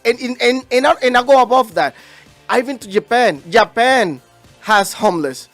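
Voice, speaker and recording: A man on a talk show holds forth animatedly, slipping into Spanish phrases. His voice sits high for a man. The sound is dry and close, with faint music behind. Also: lively intonation, normal speed, fairly bright tone, no echo. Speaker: interviewer. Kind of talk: casual talk-show discussion.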